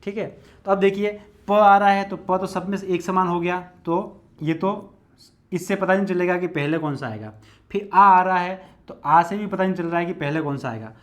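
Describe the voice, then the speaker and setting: A man's voice: high-pitched, moderate pace. A male Hindi lecturer teaching an exam-prep lesson, explaining each step methodically and repeating it while he writes.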